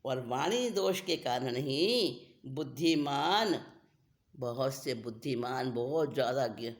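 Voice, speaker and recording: A spiritual teacher giving a scriptural discourse, deliberate and repeating key phrases for emphasis. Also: medium pitch.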